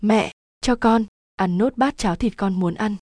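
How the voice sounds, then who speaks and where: A woman's voice: a little high, moderate pace, warm tone, no echo, clean studio sound, lightly acted. A woman reading a ghost story, voicing a sickly young daughter who speaks faintly and wheezes. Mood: feeble.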